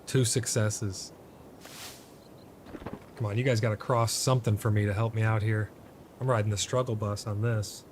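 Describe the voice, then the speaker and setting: A man's voice: fairly low pitch, level tone, moderate pace, long pauses, slight background noise. A man giving casual gameplay commentary, often exasperated and swearing at his bad luck while crafting. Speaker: gameplay streamer.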